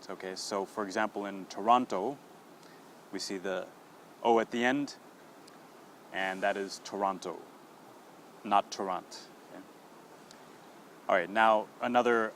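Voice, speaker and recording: A man's voice: fairly low pitch, a little hiss or hum, low-quality recording. A man hosting an English-learning podcast, explaining patiently and checking in often with "okay?". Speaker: English teacher.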